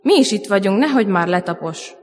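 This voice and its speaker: Lady reading as a grumpy gruff dwarf guy, loud and snappy, big churchy echo. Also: mid-range voice, natural voice. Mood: scornful. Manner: gruff, scornful. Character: grumpy blind male dwarf. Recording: long church reverb.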